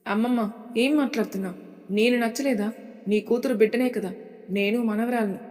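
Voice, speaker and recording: A woman's voice: on the high side, brisk, lightly acted. Woman reading bratty young granddaughter, pushy and pleading, hall echo. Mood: demanding. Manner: insistent, pleading, sharp-tongued.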